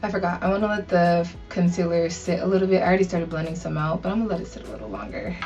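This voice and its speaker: A woman's voice: lowish voice, rapid-fire, darkish tone, dull audio. A young woman vlogger talking casually and chummily to her viewers with slang as she does a makeup tutorial. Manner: informal, chummy, addresses viewers directly with slang. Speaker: beauty vlogger. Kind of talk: casual chatty get-ready-with-me makeup tutorial. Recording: distant mic, music in background. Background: background music.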